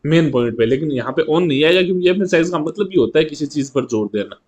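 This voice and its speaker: A man teaching an exam-prep grammar lesson, chatty, asking rhetorical questions and reading example sentences slowly. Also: fairly high pitch, lively intonation, a little mellow.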